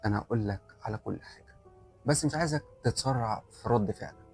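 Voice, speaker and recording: A calm, grave old sheikh with an Egyptian accent, as the storyteller puts him on, talking softly and steadily in a lowish voice. Faint music plays under him. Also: male voice, fast, vocal fry, slightly rough. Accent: Egyptian Arabic.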